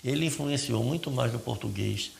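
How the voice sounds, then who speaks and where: A man's voice: medium pitch, normal speed, vocal fry, a little hiss or hum. A man from Brazil explaining in a documentary interview, conversational in tone.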